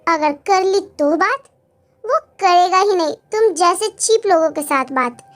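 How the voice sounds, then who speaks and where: Woman doing a snobby rich girl, condescending and sneering, very high voice. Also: expressive, unhurried. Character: snobbish rude young woman, mocking. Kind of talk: Hindi fan dub acting.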